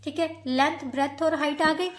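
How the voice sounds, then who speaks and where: A woman's voice: sits high, fairly even intonation, moderate pace. A woman with an Indian accent teaching a maths lesson, patiently explaining each step and often calling her students "beta".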